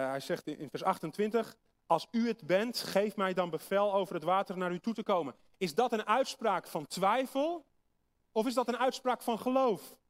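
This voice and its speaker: High-voiced preacher explaining scripture. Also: male voice. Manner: explanatory, asks the congregation rhetorical questions. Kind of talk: sermon with Bible reading.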